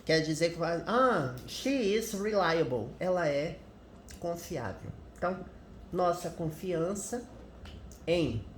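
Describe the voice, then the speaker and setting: Woman teacher, unhurried, explains patiently, roomy recording. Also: fairly low pitch, animated, slight background noise. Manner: patient, explanatory, translating word by word. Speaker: English teacher. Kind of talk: commented reading of a news article. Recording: echoey room.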